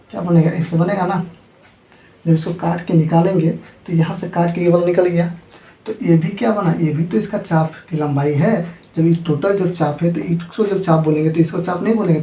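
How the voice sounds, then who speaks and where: A man's voice: on the high side, fairly even intonation, moderate pace, dark tone. Male math teacher with a Jharkhand Hindi accent, repeats terms and quizzes himself, recorded in a roomy space. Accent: Hindi-speaking eastern India, Jharkhand. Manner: asks questions and answers them himself, repeating terms. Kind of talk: classroom lesson at a board. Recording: echoey room.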